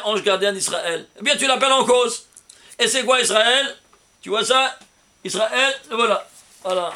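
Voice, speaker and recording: High, bright-voiced rabbi teaching. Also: male voice. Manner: animated, asks rhetorical questions to his listeners. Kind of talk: Torah lesson explaining numerology.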